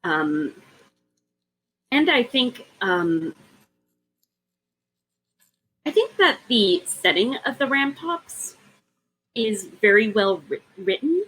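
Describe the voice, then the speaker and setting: A woman's voice: mid-range voice, big pitch swings, takes it slowly, fairly bright tone, breathy edge, rough recording. A woman on a casual book discussion podcast, making a long, careful argument with frequent ums and restarts. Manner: analytical, argues at length with many ums. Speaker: podcast co-host.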